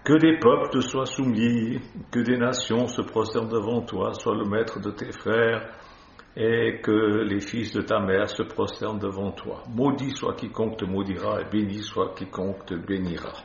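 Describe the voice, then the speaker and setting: A man's voice: lowish voice, fairly even intonation, moderate pace, vocal fry. A man preaching a sermon, reading scripture aloud and breaking off for chatty, playful asides. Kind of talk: sermon, Bible reading with commentary. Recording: echoey, slightly dull recording.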